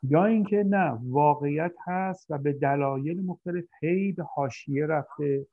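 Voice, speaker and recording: A man's voice: a little high, no echo. A man hosting a conversational discussion, talking hesitantly as he searches for his words. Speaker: host. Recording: dry tinny phone-like line.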